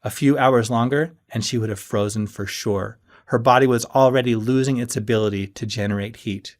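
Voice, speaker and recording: Man reading his own audiobook, earnest first person story, medium pitch. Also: fairly even intonation, normal speed. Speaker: author reading his novel. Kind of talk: audiobook narration.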